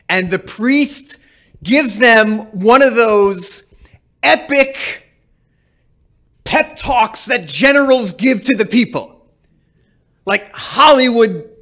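A man with a high, bright, ringing voice delivers a synagogue sermon. He preaches animatedly and dramatically, booming out grand speeches and then dropping to low mumbled asides. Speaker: rabbi.

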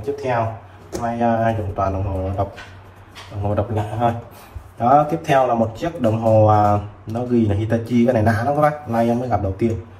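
A man selling used tools who chats casually while showing old multimeters, filling pauses with short words. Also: lowish voice, a little mellow. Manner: chatty, fills with "đấy" and "rồi". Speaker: used tool seller. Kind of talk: casual product demo. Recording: roomy with faint background noise.

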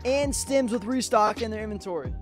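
A man's voice: sits high, brisk, over music. A man talking casually on a gaming livestream, frustrated and incredulous, complaining about the game.

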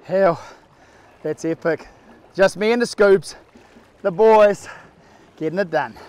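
A man in his forties with a New Zealand accent, hosting a fishing show from his boat, excited, whooping and swearing freely as he talks. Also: sits high, slow pace, smooth. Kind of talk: casual on-the-water commentary. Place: outdoors on the deck of a small fishing boat at sea. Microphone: action camera mounted on the boat. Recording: wind and engine noise on open water.

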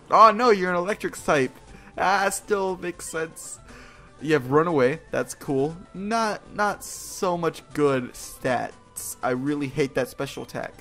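Over background video game music, a gaming video host with a fairly high, fairly bright voice plays through a game casually. His commentary rambles, bursts into exclamations and turns self-mocking.

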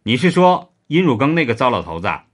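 A man's voice: sing-song, fast talker. A man voicing a clingy, sulky young woman with a raised, whiny voice in a spoken story. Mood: sulky, pouting. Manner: whiny, pouting, raised pitch.

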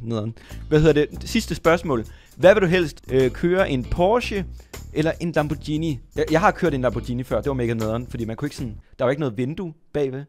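A man's voice: medium pitch, a bit bright. A young man chatting casually to his viewers, playful and rambling, poking fun at himself. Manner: playful, rambling, self-mocking. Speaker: gaming YouTuber.

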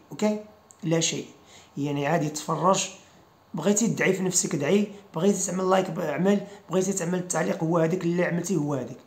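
A man with a Moroccan accent giving a casual online English pronunciation lesson, repeating example words slowly before chatting loosely with viewers. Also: high-pitched, reverberant. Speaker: English teacher.

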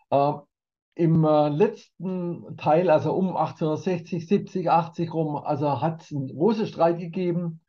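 Halting German trainer, husky voice. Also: male voice, on the high side. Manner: halting, many fillers and restarts. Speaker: trainer and company founder. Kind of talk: talk explaining a personality model. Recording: dull lo-fi sound.

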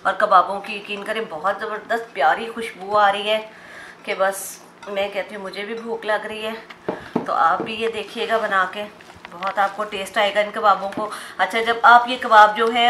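A woman's voice: medium pitch, pushed and bright. Chatty woman teaching a home recipe. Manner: chatty, step-by-step, addresses viewers directly. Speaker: cooking channel host. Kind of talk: home cooking tutorial. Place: home kitchen. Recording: roomy kitchen echo, faint background noise. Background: oil frying in a pan.

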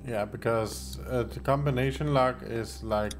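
A young man giving casual gameplay commentary in a halting, muttering way, at home on a headset. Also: medium pitch. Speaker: gamer, let's player. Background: game music.

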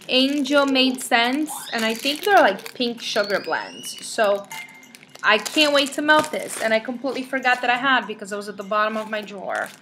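A young woman with a bright, higher-pitched voice chats away to her viewers in a bubbly, rambling vlog. She keeps reading out product names with chatty asides, over a faint hiss in the background. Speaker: vlogger showing wax melts. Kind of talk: casual chatty haul vlog.

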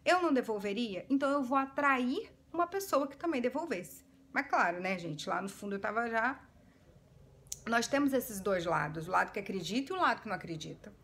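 Talking straight to her viewers, this vlogger in her thirties recounts a personal story in an earnest, animated way. Her Brazilian Portuguese accent comes through in a fairly high-pitched, brisk voice.

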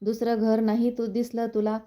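A woman voicing a proud queen who talks down in a slow, scornful way. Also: fairly high pitch, monotone, dark tone, natural voice.

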